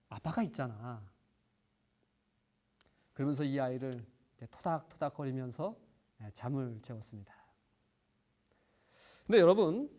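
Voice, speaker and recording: Guy preacher at a prayer meeting, kinda high voice, earnest story, lots of little fillers. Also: darkish tone. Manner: earnest storytelling with frequent fillers, swelling emphasis. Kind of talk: sermon, personal story.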